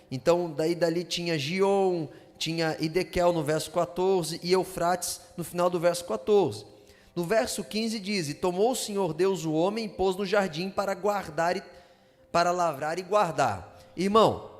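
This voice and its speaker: A man pastor teaching a sermon in a church, lively and often asking the congregation to answer back. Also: high voice, long reverb tail. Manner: lively, asks the congregation for replies. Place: church sanctuary.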